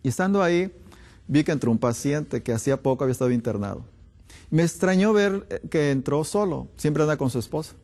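Middle-aged male physician, measured lecture voice, a bit high-pitched, likes pausing on rhetorical questions. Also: expressive, a little mellow. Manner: rhetorical questions answered in a dropped voice. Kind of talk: health talk with anecdotes.

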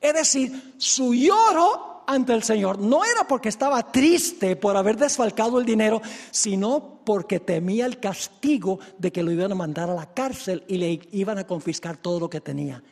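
High-voiced man preaching in a hall. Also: moderate pace, few pauses. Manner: lively storytelling, addresses the congregation directly. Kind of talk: sermon. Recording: echoey hall reverb.

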